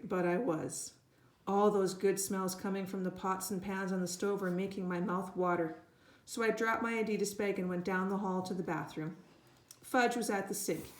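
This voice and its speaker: Woman reading a kids' book aloud. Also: medium pitch. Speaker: reader. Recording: roomy echo.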